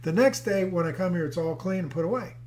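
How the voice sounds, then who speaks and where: An oblivious young husband insists, earnestly and a little too eagerly, that his household chores do themselves, as a man plays him. He sounds sincere and a bit higher than the storyteller's normal voice. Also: expressive, quick pace, darkish tone.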